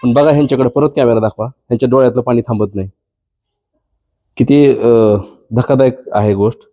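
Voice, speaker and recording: A male field reporter interviewing elderly residents, asking gently and consoling them. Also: mid-range voice, steady tone, fairly quick. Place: old age home.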